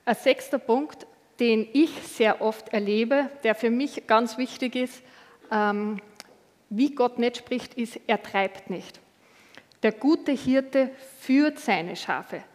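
A woman's voice: fairly high pitch, slow pace, in a large hall. A woman preaching a sermon in a conversational, earnest way, acting out inner voices with many fillers.

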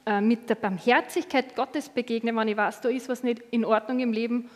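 A woman's voice: on the high side, fairly even intonation, moderate pace, big-room sound. A woman preaching a sermon in a conversational, earnest way, acting out inner voices with many fillers.

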